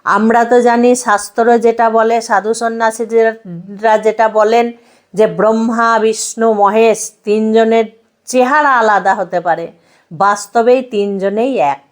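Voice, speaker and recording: A woman preaching a devotional sermon in a fairly high voice. She talks slowly and with emphasis, stacking up repeated phrases. She turns to her listeners with rhetorical questions. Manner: repetitive emphatic preaching lists. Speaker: religious speaker.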